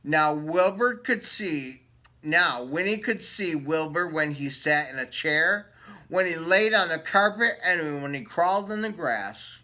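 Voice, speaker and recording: Here a man gives an animated picture-book read-aloud, playfully tossing questions to his young audience. His pitch is fairly high and lively, his pace measured, and his tone sharp.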